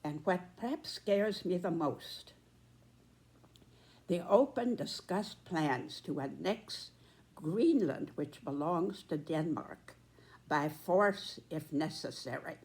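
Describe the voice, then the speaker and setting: Really old lady in her 90s doing commentary, talks super slow n deliberate, bit of a low voice, short emphatic phrases. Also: expressive, darkish tone. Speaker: political commentator. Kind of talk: prepared spoken commentary.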